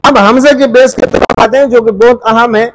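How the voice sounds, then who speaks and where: A man teaching Quran recitation rules, repeating each point and asking the listener rhetorical questions, sometimes drawing out sounds slowly to demonstrate. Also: very high-pitched, steady tone, noisy background. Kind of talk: Urdu tajweed lesson.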